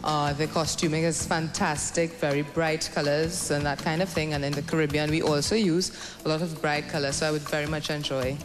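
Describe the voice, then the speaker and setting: Low-voiced young Trinidadian woman, poised pageant answer. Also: fairly even intonation, a little fast, hardly any pauses, long reverb tail. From Trinidad and Tobago. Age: young adult. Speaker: pageant contestant. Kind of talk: interview answer on stage. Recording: music behind the voice.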